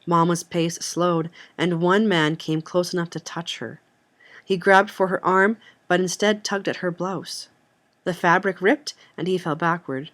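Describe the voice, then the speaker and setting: A young woman, a student, reading a memoir excerpt aloud in an earnest, steady way with the odd slip. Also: fairly low pitch. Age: young adult. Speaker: student reader.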